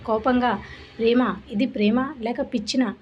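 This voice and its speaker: A woman's voice: on the high side, slightly rough. Woman voicing an arrogant young husband. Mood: defiant. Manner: slow, calm and unyielding. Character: proud, arrogant young husband, calm and defiant. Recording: muffled lo-fi with faint hiss.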